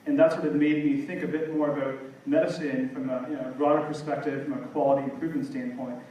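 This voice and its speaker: Fast-talking man at a seminar. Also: medium pitch, little pitch movement, dark tone, highs cut off. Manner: quick, loose, full of "you know". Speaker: panel speaker. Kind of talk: seminar talk. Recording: echoey room, far from mic, faint noise.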